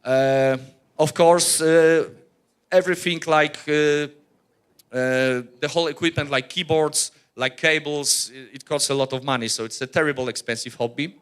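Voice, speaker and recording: Bright-voiced man giving a talk. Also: on the high side, steady tone, normal speed, clean tone. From Poland. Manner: earnest, blunt, with many "uh" fillers and restarts. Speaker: workshop presenter, rock musician. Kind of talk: workshop presentation.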